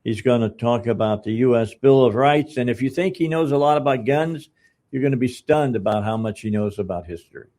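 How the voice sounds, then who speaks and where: A man in his seventies hosting a talk radio show from a studio, speaking in a rambling, halting way with lots of "uh"s and restarts. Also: medium pitch, mellow. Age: 70s. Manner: rambling, halting, many uh's and restarts, chuckles often. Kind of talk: casual radio chat.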